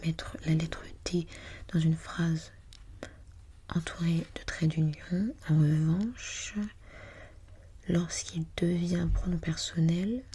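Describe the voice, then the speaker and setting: A woman whispering breathily as in a library, reading aloud for ASMR in a hushed, unhurried, musing way. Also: fairly low pitch, fairly even intonation, slightly rough. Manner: hushed, unhurried, murmuring to self while reading. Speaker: ASMR host.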